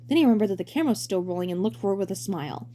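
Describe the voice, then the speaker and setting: Woman reading a fan story out loud, dramatic narration, really lively pitch. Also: very fast.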